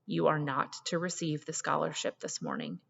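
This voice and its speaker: A woman voicing an elderly, indignant but compassionate vice principal in a storybook reading, with earnest, deliberate, emphatic phrasing. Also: low voice, big pitch swings, vocal fry, a bit bright, heavily acted. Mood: grave, ashamed. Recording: muffled, long hall reverb.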